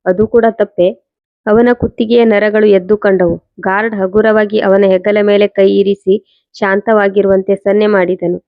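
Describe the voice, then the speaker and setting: A woman narrating a scripted first-person story in an even, measured reading. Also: mid-range voice, no room sound. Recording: dull lo-fi recording.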